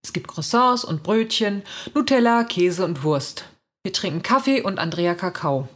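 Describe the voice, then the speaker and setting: Husky woman reading a storybook. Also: fairly low pitch, moderate pace. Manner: lively, expressive reading. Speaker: reader. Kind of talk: first-person storybook narration.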